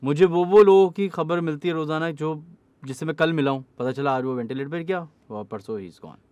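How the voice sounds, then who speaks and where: A man's voice: fairly high pitch, fairly quick, a little mellow, clean tone, no room sound. A man, a horror storyteller and podcast guest, talking in an earnest storytelling way and dropping English phrases into casual conversation.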